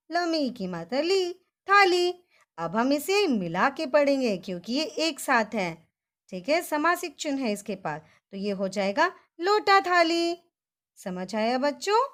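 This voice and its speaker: A woman teacher with a high, bright voice that leaps up and down as she coaxes young pupils. She breaks each Hindi word into syllables and repeats them slowly. Between words she cheers the class on in an animated, sing-song way. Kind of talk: children's Hindi vocabulary lesson.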